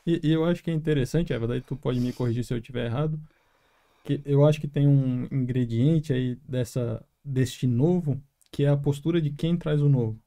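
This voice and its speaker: A man from Florianópolis with its local accent, a therapist co-hosting a podcast, speaking in a measured, affirming way. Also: medium pitch, mellow. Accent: Florianópolis Portuguese. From Florianópolis, Brazil. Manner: measured, affirming with frequent uhum. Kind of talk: reflective podcast conversation. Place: small room with three people.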